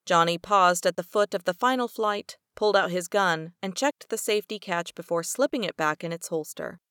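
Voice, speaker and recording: A woman narrating a crime story as an audiobook reader, in a steady storytelling manner. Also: fairly low pitch, normal speed, clear, resonant tone, dry recording, clean studio sound.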